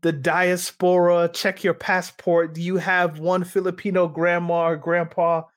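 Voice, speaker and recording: A man with a slightly high voice talks sports casually at a measured pace, like a podcast co-host thinking aloud. He rambles, restarting often, with lots of fillers and lively asides.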